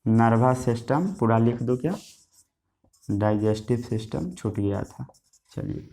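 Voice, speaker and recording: A man's voice: medium pitch, measured pace, warm tone. A male teacher giving a science lesson, asking questions and answering them himself, repeating key words while he writes. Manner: repetitive question-and-answer teaching, writing as he talks. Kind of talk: Hindi science lesson with English terms.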